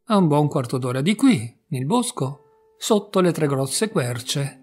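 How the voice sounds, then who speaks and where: A man voicing an innocent little girl in a storybook reading, speaking slowly and earnestly. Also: a little high, very animated, husky, heavily acted.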